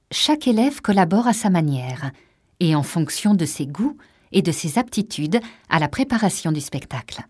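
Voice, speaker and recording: A woman reading a storybook aloud for learners, very slowly and with careful articulation. Her voice sits low and warm, and faint music plays behind her. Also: husky. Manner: slow, even and carefully articulated. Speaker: audiobook narrator. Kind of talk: slow, clear narration of a learner's reader.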